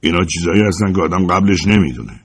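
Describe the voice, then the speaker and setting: A man's voice: sits low, expressive, slightly rough. A sneering, taunting hitman, as a man puts him on. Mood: mocking. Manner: taunting, sarcastic. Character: sneering adult male hitman, mocking.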